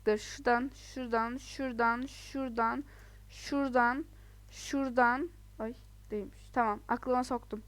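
A woman giving chatty, casual commentary while playing a video game, excitable, laughing often and exclaiming in frustration. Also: a little high, normal speed. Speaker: let's play gamer.

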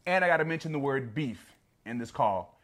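A man's voice: mid-range voice, expressive, a little fast, fairly bright tone. A man from Texas with a Texan accent, hosting a podcast in casual, slangy banter. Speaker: podcast host. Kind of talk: casual chat.

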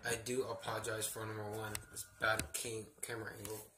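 A man's voice: fairly low pitch, flat delivery, brisk. A young man vlogging casually and hesitantly in his bedroom, under the weather with a sore throat and a cold sore on his lip. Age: young adult. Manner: subdued, hesitant, rambling. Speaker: vlogger, theme park ride worker. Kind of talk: casual vlog chat. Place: small bedroom, indoors. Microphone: phone or laptop at arm's length. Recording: faint noise, handheld home recording.

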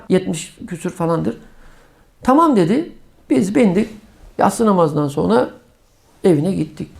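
A middle-aged man preaching a sermon, telling personal stories with emphatic exclamations. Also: gravelly. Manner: emphatic storytelling, rising to sharp high exclamations.

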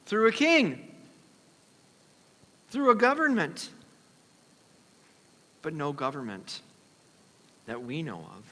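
A man preaching a sermon as pastor, earnest and measured, pausing and restarting as he explains scripture. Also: high-pitched, a bit bright. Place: church sanctuary. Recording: long church reverb.

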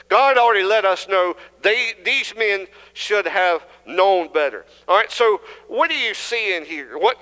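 High and sharp-toned, this young Southern preacher delivers his sermon with mounting intensity, often starting phrases over. Church hall reverb surrounds his earnest delivery from the pulpit.

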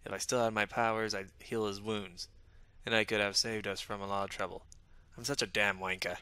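A man's voice: on the low side, little pitch movement, a little fast, bright, forceful tone, clear, resonant tone, dry recording. A man doing a gloomy British young man. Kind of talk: voicing game dialogue.

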